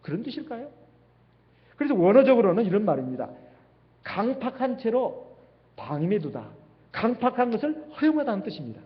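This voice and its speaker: Preaching in a church sanctuary, a man speaks briskly in a high, sing-song voice, pausing often and asking rhetorical questions as he delivers his sermon as pastor. The livestream sound is dull, with a long reverb from the hall.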